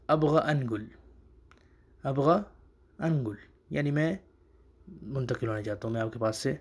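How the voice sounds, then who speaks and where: A man who teaches Arabic phrases in a casual spoken lesson, slowing down to repeat each phrase for learners. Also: medium pitch, darkish tone.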